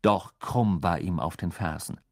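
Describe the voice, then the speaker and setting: A man narrating an audiobook in a lively, expressive reading style. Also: low-pitched, unhurried. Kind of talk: scripted narration.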